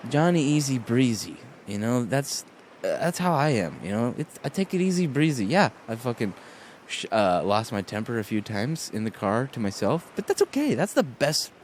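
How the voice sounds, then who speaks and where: Lowish-voiced guy rambling through a story on his vlog, cussing and laughing at himself, faint hum behind. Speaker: vlog host. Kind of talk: casual storytelling monologue. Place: indoors in front of a green screen.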